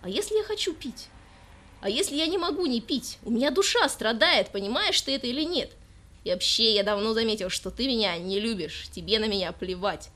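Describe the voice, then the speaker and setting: A woman voicing a drunk, self-pitying young male poet who rants in a loud, drawn-out, whiny way. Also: fairly high pitch, expressive. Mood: indignant whining.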